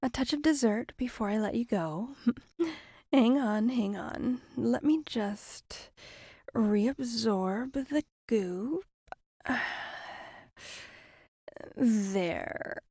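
A woman voicing a female shapeshifting monster in an erotic audio role-play, breathy and halting, with sighs and drawn-out words. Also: a little high, mellow, dry recording, studio quality, exaggerated voice. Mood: teasing, predatory. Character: predatory female shapeshifting monster, seductive captor turned panicked prey.

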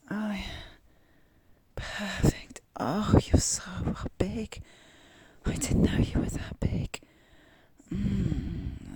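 A woman whispering intimately in an audio roleplay, with soft moans between her lines. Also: mid-range voice, slightly rough, no echo.

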